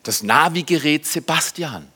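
A man, preaching a sermon and talking straight to the congregation, swinging from loud bursts to hushed whispers and repeating phrases for emphasis. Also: on the high side, expressive, unhurried, slightly rough. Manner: repeats phrases for emphasis, talks directly to the audience.

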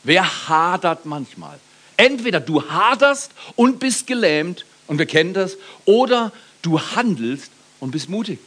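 Ein Mann mittleren Alters, der als Pastor lebhaft predigt, der Gemeinde Fragen stellt und über eigene Scherze lacht. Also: male voice, sits high, unhurried. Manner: lively preaching, asks the congregation questions, laughs at own jokes. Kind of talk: sermon.

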